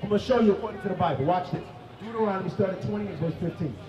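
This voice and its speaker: A man preaching outdoors on a city street, quizzing a passerby and often shouting and repeating his points. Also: high voice, rapid-fire, reverberant, recorded from a distance, lo-fi sound, crowd noise.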